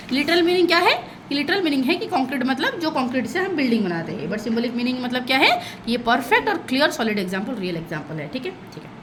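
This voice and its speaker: Lively high-voiced woman teaching a class. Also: background noise. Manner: lively, checks understanding with constant "okay?" asides; laughs at her own slips. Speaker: school English teacher. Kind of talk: online class explanation in mixed Hindi and English.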